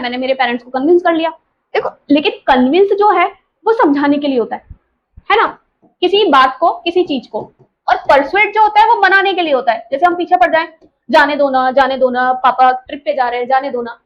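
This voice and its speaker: A woman's voice: very high voice, highs cut off. A woman teacher explaining vocabulary in a patient lesson, asking herself questions and adding tag questions as she goes. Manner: asks herself questions, often adds tag questions. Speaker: English teacher. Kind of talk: explaining vocabulary, mixing Hindi and English.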